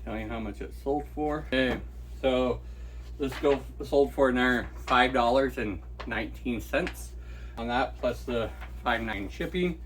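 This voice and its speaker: A man runs a reseller vlog, casually thinking aloud as he packs and ships orders and thanks each buyer by name. His voice is medium-pitched, with slight background noise.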